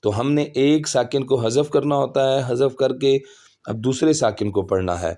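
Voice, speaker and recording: A man teaching Quran recitation, slowly spelling out syllables letter by letter and then explaining the rules in a brisker voice. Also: mid-range voice, mellow. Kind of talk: slow spelled-out recitation lesson.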